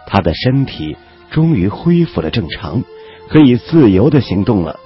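Brief: male audiobook narrator, low and husky, lively and animated delivery; muffled lo-fi track with faint music. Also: normal speed. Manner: expressive storytelling with lively pitch.

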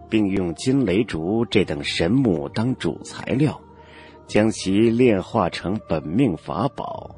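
A man voicing an old male cultivator elder who speaks slowly and mutters to himself. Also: a little mellow, full character voice. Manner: slow, low, muttering to himself.

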